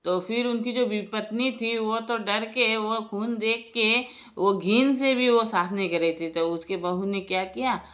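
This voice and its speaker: A woman's voice: fairly high pitch, fairly even intonation, measured pace, a bit bright. A woman telling a personal family story in a casual, chatty way, speaking to her viewers as friends and often restarting her sentences. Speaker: storyteller, vlogger.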